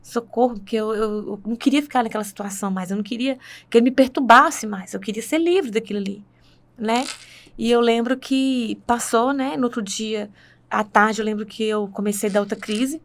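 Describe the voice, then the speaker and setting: A woman's voice: a little high, brisk. A woman with a Brazilian Portuguese accent telling her faith testimony in conversation, earnest and full of tag questions.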